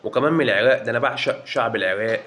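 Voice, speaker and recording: Egyptian man, reaction host; very fast delivery, exclamatory and joking. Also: mid-range voice, fairly bright tone. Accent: Egyptian Arabic. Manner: exclaiming, joking, swears oaths often. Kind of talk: casual reaction commentary.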